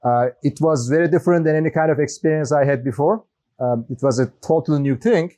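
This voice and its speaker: A man's voice: a little high, fast talker, mellow. A man originally from Turkey giving a casual, conversational talk to a small group as guest speaker, with plenty of fillers and restarts.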